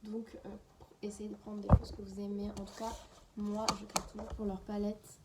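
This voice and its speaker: A woman's voice: mid-range voice, completely flat delivery, normal speed, very noisy. A woman in a casual, unedited beauty haul, chatting away and often dropping into a half-whisper. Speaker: beauty vlogger.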